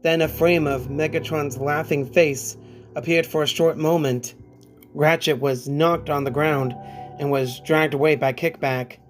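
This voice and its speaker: A man reading a scripted creepypasta as narrator, with music playing behind him. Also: fairly high pitch. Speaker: horror story narrator. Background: background music.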